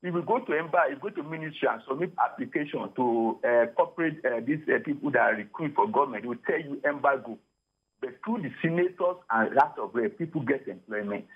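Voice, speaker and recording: Husky Nigerian man as a radio show caller. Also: medium pitch, expressive, fast. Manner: emphatic, repeats and restarts phrases. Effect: radio show caller over a phone line. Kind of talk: phone-in call to a talk radio show. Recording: tinny phone line.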